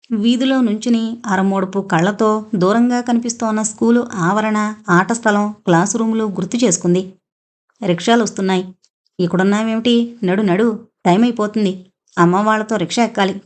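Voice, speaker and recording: Casting: a woman audiobook narrator with a calm, even telling of a family novel. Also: medium pitch. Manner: calm, steady storytelling.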